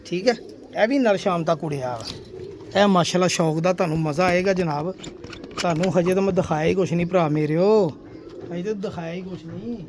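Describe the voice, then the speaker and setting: A high-voiced man chats to his viewers about his pigeons, boasting and calling them brother. Soft pigeon coos and outdoor air sit faintly behind him. The talk rambles along in a warm, familiar way. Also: fairly quick, a little hiss or hum. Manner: chatty and boastful, often addressing viewers as brothers and sir. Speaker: pigeon keeper showing his birds. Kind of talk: casual vlog talk to viewers. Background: pigeons cooing.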